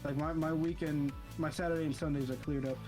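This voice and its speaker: A man's voice: on the high side, steady tone, a little fast, mellow, faint music behind. Rambling young man on a voice call. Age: young adult. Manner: rambling, stumbling over words. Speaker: college student guest. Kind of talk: casual chat over a voice call.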